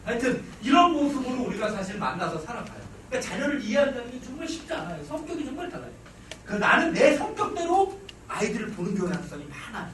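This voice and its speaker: A man giving a psychology lecture on parenting to a live audience, talking in an animated way. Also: extremely high pitch, fast talker, far from the mic, a little hiss or hum. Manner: animated, acts out mothers' lines with sudden shouts. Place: lecture hall. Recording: roomy hall sound from off-mic. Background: audience laughter.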